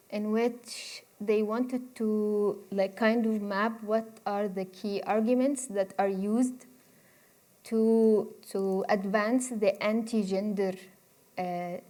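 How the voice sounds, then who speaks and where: A woman's voice: mid-range voice, darkish tone. A woman, giving a conversational university lecture and inviting the audience to interrupt with questions. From Egypt. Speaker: guest speaker.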